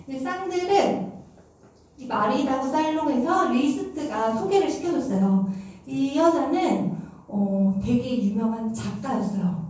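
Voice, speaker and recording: A woman giving a lively music lecture, telling stories and acting out what people said, with a chatty manner. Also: high-pitched. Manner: animated, acts out quoted remarks, chatty fillers. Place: large concert hall. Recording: echoey hall, voice from far off.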